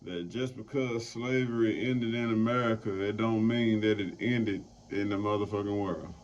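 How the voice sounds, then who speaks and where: A man's voice: lowish voice, steady tone, moderate pace. A man hosting a casual roundtable chat, loose and profane, rambling as he talks. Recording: dull lo-fi sound, faint noise.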